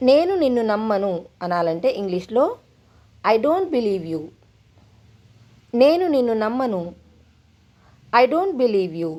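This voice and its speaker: Woman English tutor, unhurried drill-style delivery, fairly high and very expressive. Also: dull audio. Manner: repeats each phrase slowly, in Telugu then English. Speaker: English teacher. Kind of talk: spoken English lesson.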